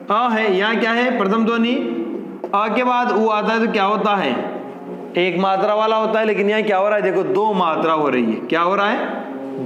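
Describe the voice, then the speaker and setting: High-voiced teacher in an echoey room. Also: male voice, a bit bright, slight background noise. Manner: asks questions then answers them himself. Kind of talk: Hindi grammar lesson.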